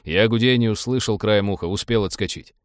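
A man voicing a gruff, blunt male ship pilot who talks in plain slang. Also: on the low side, brisk, no echo, studio quality, close to an everyday voice.

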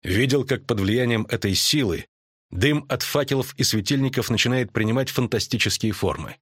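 A man narrating a fantasy audiobook in an even, measured reading. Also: mid-range voice, slightly rough, no room sound, studio quality.

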